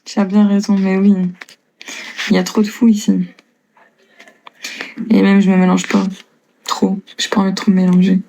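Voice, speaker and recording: A young woman in her twenties with a light northern French lilt chats loosely on a live stream, answering viewers' comments and laughing easily. Her voice sits at an ordinary pitch with a mellow, darker tone. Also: monotone, normal speed, pauses often, a little hiss or hum. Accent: slight northern French (Lille). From northern France. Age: 20s. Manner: chatty, laughs often, reads and answers comments. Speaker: livestreamer.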